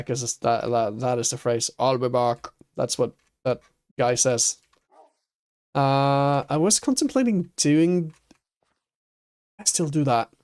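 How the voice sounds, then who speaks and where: Chatting with his viewers while playing a building game, this man thinks out loud and laughs readily. His voice is mid-range with a darkish tone.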